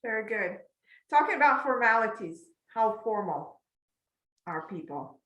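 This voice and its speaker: A woman's voice: a little high, animated, unhurried, a bit bright, reverberant, poor audio. A woman hosting a casual interview, laughing often and asking questions with many restarts. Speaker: podcast host.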